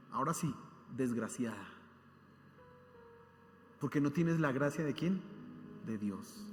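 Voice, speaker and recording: A man's voice: high-pitched, darkish tone, slight background noise. A man preaching a sermon as pastor, speaking emphatically and putting rhetorical questions to his congregation. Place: church. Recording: echoey hall with faint music.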